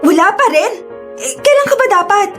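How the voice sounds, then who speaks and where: A woman voicing an older sister who is caring but quick-tempered, expressive and scolding in an audio drama. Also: extremely high pitch, faint music behind. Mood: worried. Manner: expressive, scolding, shifting to soothing. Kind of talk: Tagalog audio drama acting.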